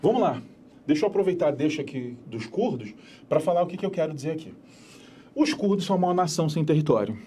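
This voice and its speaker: A man's voice: on the high side, expressive, fast, mellow, a little hiss or hum. A man with a Carioca accent teaching a geography lecture in a conversational way, asking rhetorical questions as he explains. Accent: Carioca Brazilian Portuguese. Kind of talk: recorded lecture.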